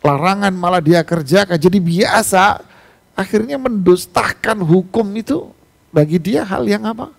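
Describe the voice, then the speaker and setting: A man's voice: high-pitched, moderate pace, gravelly. A man preaching a mosque sermon, telling stories and asking rhetorical questions. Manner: animated storytelling with rhetorical questions. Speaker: Islamic preacher. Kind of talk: mosque sermon on Quran exegesis.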